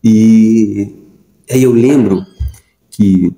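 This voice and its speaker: A man's voice: lowish voice, drawn-out words, vocal fry, warm tone, reverberant, rough recording. A young adult man telling a personal story in a casual, rambling way, with lots of fillers and repeated words. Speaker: vlogger.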